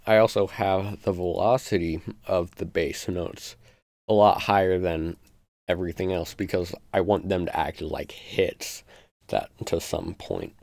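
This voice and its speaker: A man's voice: low voice, darkish tone, dry recording. A man producing music on a live stream, talking through his steps in a loose, casual way with lots of fillers. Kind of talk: live-stream beat-making walkthrough.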